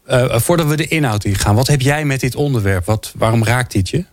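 A man moderating a panel discussion, asking quick probing follow-up questions. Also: medium pitch, expressive, dry recording, clean studio sound.

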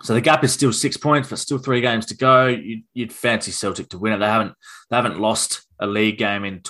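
Guy chatting football on a podcast, lowish voice but bright and forceful, lots of ums. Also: a little fast. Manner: relaxed, thinks aloud with fillers. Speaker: podcast co-host. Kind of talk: casual football chat.

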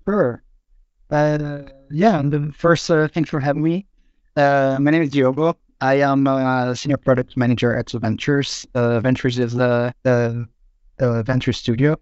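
A man, a podcast guest, talking in a halting way with many fillers. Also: mid-range voice, darkish tone, no room sound, dull audio. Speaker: guest, product manager. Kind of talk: casual podcast chat.

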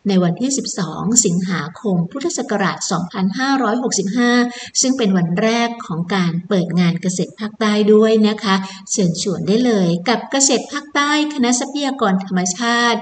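A woman's voice: medium pitch, lively intonation, moderate pace, few pauses, roomy sound, slight background noise. A woman presenter giving a promotional event announcement, politely inviting listeners and repeating key details. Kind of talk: promotional announcement, semi-scripted.

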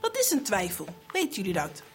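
A woman telling a Bible story to children, animated, asking them questions, voicing sound effects and dropping into whispers. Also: mid-range voice, a little fast, faint music behind.

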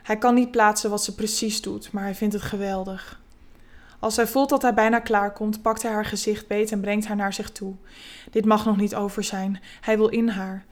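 Soft-spoken woman narrating an erotic story. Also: mid-range voice, flat delivery, normal speed.

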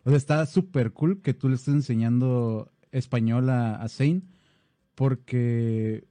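Man, northern Mexican accent, deeply relaxed warm tone, dry close sound, conversational co-host style. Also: measured pace, no echo. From Baja California, Mexico. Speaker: podcast co-host, software developer. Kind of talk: casual conversational chat.

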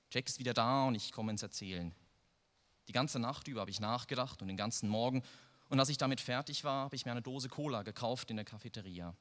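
A man's voice: mid-range voice, fairly bright tone. A man reading a first-person story aloud in a dry, wry manner. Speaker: narrator. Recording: long reverb.

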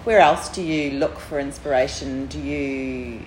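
A woman's voice: a bass voice, steady tone, measured pace, darkish tone. A woman with a broad New Zealand accent interviewing someone in a conversational way. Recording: echoey room with background noise.

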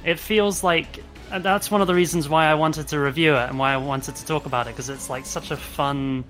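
A young man talks casually as a review show co-host. His voice is bright and somewhat high for a man, with faint music underneath. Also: fairly even intonation, a little fast.

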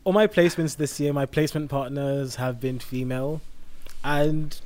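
A man's voice: medium pitch, fairly even intonation, moderate pace, darkish tone. A young man with a modern Received Pronunciation southern English accent, speaking in a well-spoken way in a casual podcast discussion. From southern England. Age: young adult. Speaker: medical student on a podcast.

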